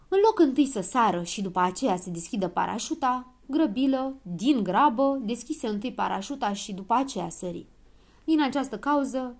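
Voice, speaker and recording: A woman narrating a children's story in a lively, expressive reading. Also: medium pitch.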